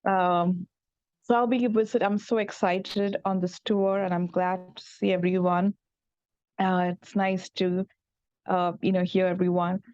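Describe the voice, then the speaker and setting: A woman's voice: lowish voice, level tone, unhurried, darkish tone, no room sound, dull audio. A woman in her forties from Maryland, introducing herself on a video call as a tour participant, eager and full of fillers. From Maryland, USA.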